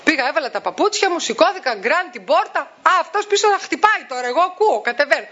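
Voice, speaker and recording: A woman with a high voice gives parents advice and acts out the voices of parents and children with a lot of energy. Her pitch rises sharply on key words. The recording sounds dull and muffled. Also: sing-song, sharp tone. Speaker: parenting educator. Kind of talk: talk giving advice to parents.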